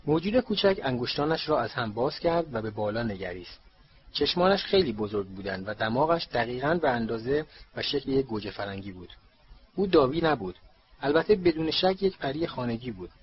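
A man reading a storybook aloud in steady, measured scripted narration. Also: medium pitch, muffled recording, a little hiss or hum. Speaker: audiobook narrator.

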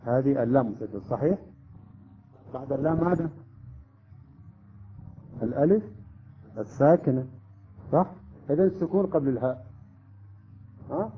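Male teacher, medium pitch, patient step-by-step explainer who keeps quizzing the class; dull lo-fi recording. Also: expressive, moderate pace, long pauses, a little hiss or hum. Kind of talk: classroom lesson on Quran recitation rules.

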